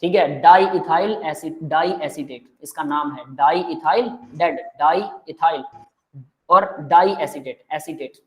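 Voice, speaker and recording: A male chemistry teacher giving a relaxed live lesson, going step by step and checking often that students follow. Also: on the high side, a little slow. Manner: explains step by step, keeps checking the class understands; relaxed and friendly, calls students "beta" and "bhai". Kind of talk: live online chemistry lecture.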